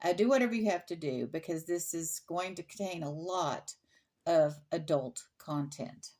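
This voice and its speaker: A middle-aged woman hosting an informal Bible study, reading scripture aloud and explaining it in a frank, unhurried way with pauses and restarts. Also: fairly low pitch, dark tone.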